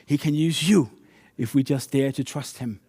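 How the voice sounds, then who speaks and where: A man's voice: medium pitch, moderate pace, mellow, breathy edge. Earnest man preaching a sermon. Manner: earnest, storytelling with non-native English phrasing.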